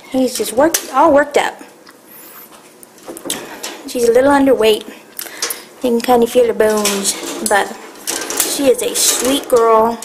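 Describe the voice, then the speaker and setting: Woman, shelter volunteer type, casual and affectionate, talks to the cats in baby talk; slightly high voice. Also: background noise. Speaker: shelter volunteer presenting a cat. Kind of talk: casual talk to a cat on camera. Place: animal shelter room with cages.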